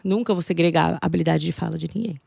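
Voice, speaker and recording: A middle-aged woman, an English teacher and podcast guest, chatting casually and telling lively stories. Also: fairly low pitch, quick pace, gravelly, no echo. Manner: lively storytelling, acting out quoted voices.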